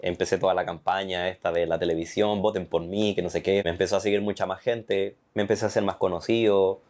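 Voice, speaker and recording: A man's voice: low-pitched, fairly even intonation, fast, a little mellow. Earnest young Chilean man telling his story. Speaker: testimony guest. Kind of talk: personal faith testimony.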